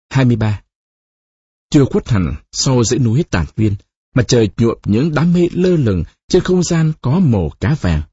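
Husky male audiobook narrator. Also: medium pitch, no echo, highs cut off. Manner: expressive, dramatic storytelling. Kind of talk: audiobook reading of a novel.

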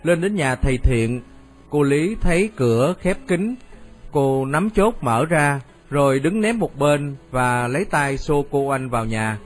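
A man narrating a radio story in a steady storytelling manner. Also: mid-range voice, a little slow, faint music behind.

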